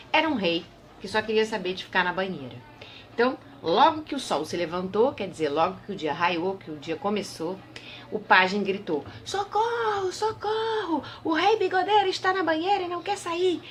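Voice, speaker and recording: Lively woman teacher reading to children. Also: on the low side, a little hiss or hum. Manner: lively, addressing children directly. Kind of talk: storytelling lesson for children.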